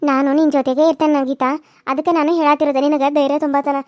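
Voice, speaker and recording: A caring older village woman from a cartoon serial, put on by a woman. Her voice is high but a little lower than the girl she comforts, and she speaks on a dry, close mic. She consoles and lectures in a firm, steady way. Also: fast talker, no room sound, close to an everyday voice. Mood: reflective.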